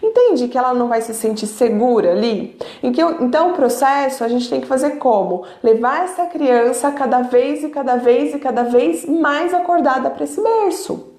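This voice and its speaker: A woman with a high, bright-pitched voice talks parents through a gentle method, asking them questions as she goes. Her voice echoes around the room. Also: moderate pace. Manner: conversational, asks the audience rhetorical questions. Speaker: sleep consultant. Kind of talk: informal teaching talk to parents.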